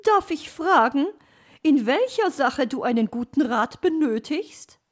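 Storybook magpie lady, put on by a woman reader: high, shrill, loud, slow and chatty, bossy and teasing. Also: big pitch swings. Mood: curious.

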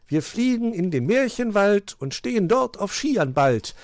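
A man's voice: on the low side, wildly swooping pitch, normal speed, no room sound, studio quality, heavily acted. A man voicing a cheerful young male owl who yawns and jokes in rhymes. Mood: excited. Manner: yawning, playful, rhyming.

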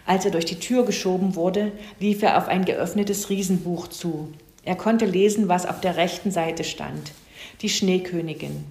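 A woman narrating a children's animal story, gently voicing each character. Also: fairly low pitch. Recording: roomy echo.

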